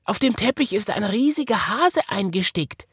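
A man voicing a lively, helpful female toy hare in a children's story, with an Austrian accent and squeaky excitement. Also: moderate pace, breathy edge, dry recording, studio quality, exaggerated voice. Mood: excited.

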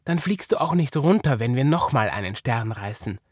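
A man voicing a brave, cheerful little girl in a children's story, with a high, eager childlike voice and an Austrian accent. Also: expressive, normal speed, dry recording, studio quality, close to an everyday voice.

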